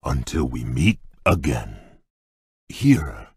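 A man voicing a large, gentle, shy male beast prince in a video game, speaking in a gentle, halting and formal way with a very deep, husky voice. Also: big pitch swings, no room sound, studio quality, heavily acted.

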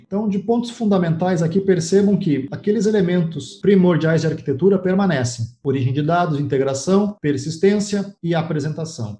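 A man with a somewhat high, mellow voice walks viewers through a slide-based technical presentation. He explains patiently and speaks straight to his audience, setting them challenges. The sound carries a roomy echo. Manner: explanatory, addresses viewers directly, poses challenges. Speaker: cloud data architecture presenter.

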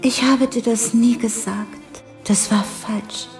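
A woman voicing a proud, delicate female flower in a storybook, speaking softly in a hushed, half-whispered way. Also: on the high side, steady tone, soft background music. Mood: tender. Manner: gentle, wistful, slow. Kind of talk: storybook reading.

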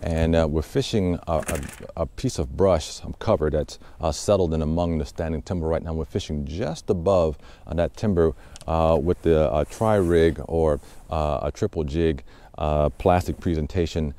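Out on a boat on a lake, a man from Southwest Ohio hosts a fishing channel and explains technique in a relaxed, casual way. His voice rumbles low, his pace is normal, and he uses many fillers.

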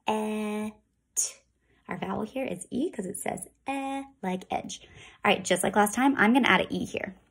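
A woman leads a phonics lesson for kindergarteners in slow, sing-song teacher talk, stretching out the sounds. Her voice is medium in pitch with a breathy edge.

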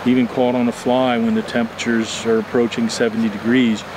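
An older man in his sixties, an insect expert and fly fishing instructor, answering interview questions outdoors by a stream in a measured, explanatory way with many fillers. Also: mid-range voice, level tone, noisy background.

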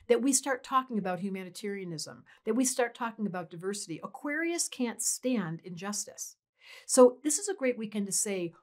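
A middle-aged woman speaking as an astrologer, giving a horoscope talk to camera in an emphatic, exhorting way, addressing viewers directly. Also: mid-range voice. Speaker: astrologer hosting a horoscope series.

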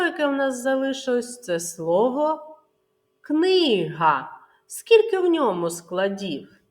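Woman kindergarten teacher, unhurried, animated pitch, sing-song syllables for little kids. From Ukraine. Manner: slow, sing-song syllable-by-syllable pronunciation for small children. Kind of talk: literacy lesson for young children.

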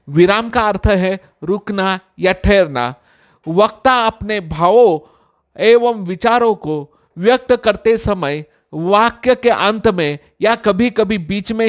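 A male college lecturer giving a recorded lesson, who explains slowly and repeats key sentences. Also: sits high. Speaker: Hindi lecturer.

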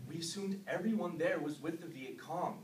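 A man's voice: a little high, expressive. Male actor as guilt-ridden young veteran, self-loathing and emotional, dramatic monologue; echoey room, faint noise. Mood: haunted, subdued. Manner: intense, emotional, halting delivery swinging between hushed and explosive. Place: classroom, indoors. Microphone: far camera. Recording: roomy, distant camera mic with faint noise.

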